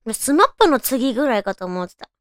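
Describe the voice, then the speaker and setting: A woman with a high, cute anime-girl voice, hosting a casual solo radio chat and musing aloud to listeners. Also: sing-song, quick pace, no echo, studio quality. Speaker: radio show host.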